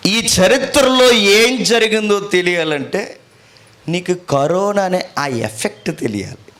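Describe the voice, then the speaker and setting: A man preaching a sermon, dropping to low murmurs and rising to loud appeals, often asking the congregation questions. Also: animated, slow pace.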